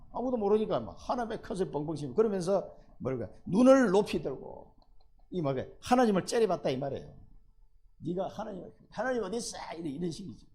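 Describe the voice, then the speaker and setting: A male pastor preaching a lively sermon at a church service, often asking the congregation rhetorical questions. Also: on the high side.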